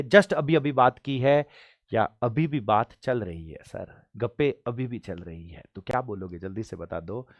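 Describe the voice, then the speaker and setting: A man from India teaching an exam-prep English lesson, pressing students with quick questions and spelling out example sentences slowly. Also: medium pitch, no echo, lo-fi sound. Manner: urges students to repeat sentences, drills with rapid questions.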